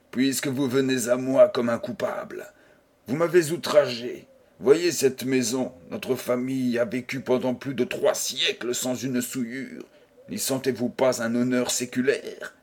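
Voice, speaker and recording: A man's voice: mid-range voice, breathy edge. A man reading an audiobook voices a proud old baron who scolds a young man with stiff, formal indignation. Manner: indignant, stiff and formal, then coldly businesslike. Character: stern proud old male baron, outraged.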